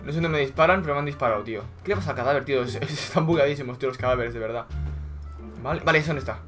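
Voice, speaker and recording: A young man giving excitable, swearing live commentary over his own gameplay, yelling when he scores. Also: mid-range voice, racing. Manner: excitable, swearing, shouting at kills. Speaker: gaming YouTuber. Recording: music in background.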